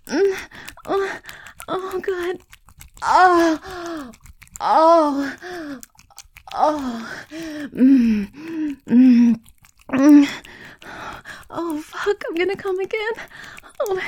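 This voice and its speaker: Young woman, soft breathy whisper, slow drawn-out murmuring, mellow tone. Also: high voice, no room sound.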